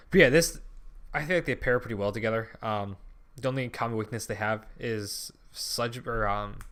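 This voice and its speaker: A man's voice: medium pitch, a bit bright. A young man in casual gaming commentary, thinking aloud with lots of ums, frequent swearing and restarted sentences. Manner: rambling, drops and restarts sentences. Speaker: channel host.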